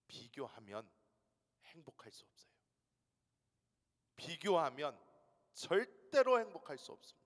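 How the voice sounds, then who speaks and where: A man preaching a sermon as pastor. He tells stories, dropping to hushed asides and rising to loud, emphatic peaks. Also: medium pitch, gravelly. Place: church sanctuary. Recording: long reverb of a large hall.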